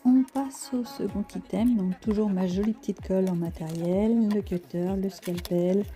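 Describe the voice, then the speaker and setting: A woman's voice: medium pitch, steady tone, moderate pace, dark tone, soft background music. A French-accented woman chatting casually through a crafting tutorial, self-deprecating and full of fillers. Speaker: crafting vlogger.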